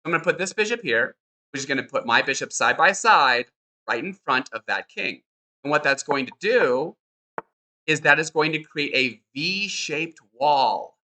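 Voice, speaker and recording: A man teaching a chess lesson over a board demonstration, with a very bright, forceful, tense voice that sits a bit high. He talks in an upbeat, encouraging way and keeps repeating short instructions as he moves the pieces. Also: animated, measured pace.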